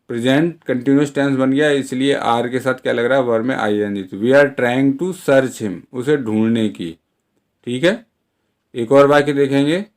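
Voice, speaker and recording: A man hosting an English lesson, explaining sentences in Hindi and repeating each English example slowly and deliberately, checking in often with short asides. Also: medium pitch. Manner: frequent "theek hai" check-ins. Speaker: English teacher.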